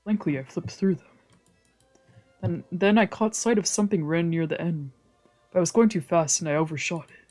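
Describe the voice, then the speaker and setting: Over background music, a streamer gives a visual novel a dramatic reading, brisk and darkish in tone at medium pitch. Now and then comes a casual aside or a slight stumble.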